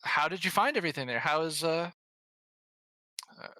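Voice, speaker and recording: A man voicing an old town official, courteous and concerned, in a halting, questioning manner. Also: a little high, lively intonation, bright, forceful tone, no room sound, pitched above the performer's own voice. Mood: delighted, welcoming. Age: older.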